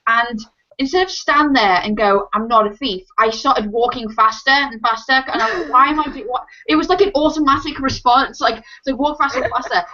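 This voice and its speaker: Her voice is high, bright and forceful, and she talks a little fast. This young Liverpool woman with a mild Scouse accent rambles through a casual chat as a guest, full of ums and false starts, on a dull lo-fi recording.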